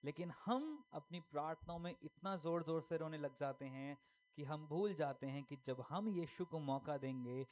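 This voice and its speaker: A man's voice: fairly high pitch, expressive, normal speed, darkish tone, a little hiss or hum. A male pastor preaching a sermon emphatically, firing rhetorical questions and repeating key lines.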